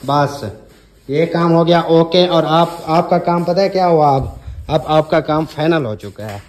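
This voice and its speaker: A man's voice: a little high, a little slow, a little mellow, slight background noise. A man with a Pakistani accent vlogging from a village home, giving joking, bossy instructions to helpers as they move things. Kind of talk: casual vlog narration while directing helpers. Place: village house, indoors and outdoors.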